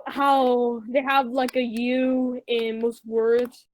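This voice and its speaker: Brief: young woman from Mexico, high voice, rambling podcast co-host. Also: level tone, slow pace. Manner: rambling, tangent-prone, full of fillers. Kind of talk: casual chat.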